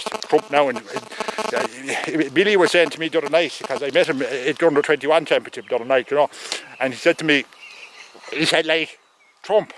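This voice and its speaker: A man's voice: a little high, rough recording. A man with a thick rural Irish accent giving a rambling comic monologue as an opinionated farmer, stammering, repeating himself and swearing.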